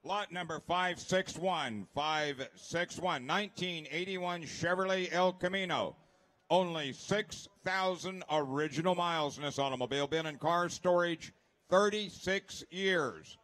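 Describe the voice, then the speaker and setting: Male announcer for auction lots, slightly high-pitched, delivering brief descriptive phrases. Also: a little slow, a bit bright.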